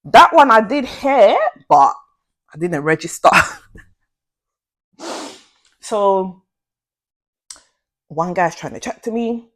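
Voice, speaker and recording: A young woman telling a slangy, animated storytime vlog. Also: medium pitch, slow pace, pauses often. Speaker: vlogger.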